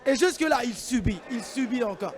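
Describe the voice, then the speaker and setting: Very high-pitched excitable male fight commentator. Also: brisk. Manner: excitable, exclamatory. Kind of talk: live combat sports commentary.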